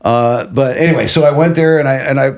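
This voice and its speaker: A middle-aged man, a guest on an interview podcast, telling a personal story in a casual, animated way and acting out what others said. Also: mid-range voice, quick pace. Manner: animated, acts out quotes of others.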